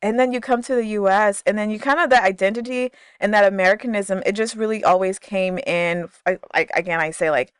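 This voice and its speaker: A woman born in Ghana, speaking as a guest in a casual interview and telling animated stories about her upbringing. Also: medium pitch, fairly quick, few pauses, clean tone, no room sound, studio quality. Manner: animated storytelling, acting out quoted family voices.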